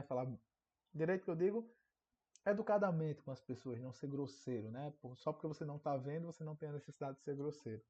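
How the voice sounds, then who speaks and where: A man teaching an online course in a casual lecture, often checking in with a quick tag question. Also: on the high side, a little mellow. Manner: conversational, frequent tag questions. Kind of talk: recorded online class lecture. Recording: dull lo-fi audio.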